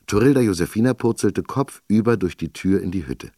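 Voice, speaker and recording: A man narrating a children's story in an expressive, lively reading voice. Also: fairly low pitch, fairly quick, dry recording, clean studio sound.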